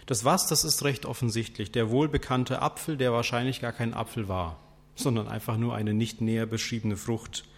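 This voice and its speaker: A man preaching a sermon, asking rhetorical questions in a deliberate, questioning way. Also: mid-range voice, fairly even intonation. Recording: long hall reverb.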